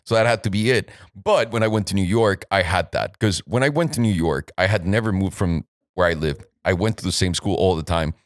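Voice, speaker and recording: A man's voice: deep voice, a little fast, few pauses, no room sound, clean studio sound. A man from Mexico co-hosting a podcast, telling stories candidly and swearing freely. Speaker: podcast co-host. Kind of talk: casual podcast chat.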